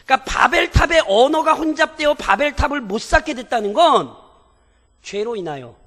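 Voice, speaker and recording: High-voiced preacher in a reverberant church. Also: male voice. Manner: asks the congregation frequent rhetorical questions; builds to emphatic shouts. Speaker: pastor. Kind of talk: sermon. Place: church sanctuary. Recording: church sermon with long reverb.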